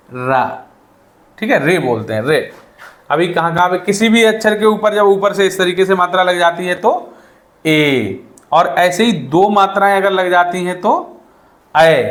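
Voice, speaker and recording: A man teaching a reading lesson, drawing out each letter sound slowly and checking in with repeated "okay". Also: sits high, a bit bright, roomy sound. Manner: slow, drawn-out letter sounds with repeated "ठीक है". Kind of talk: spoken Hindi reading lesson.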